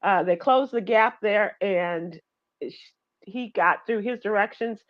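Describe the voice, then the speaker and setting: A woman radio host swaps travel stories in casual chat, laughing and acting out voices along the way. Her medium-pitched voice is unhurried, and the recording has its highs cut off.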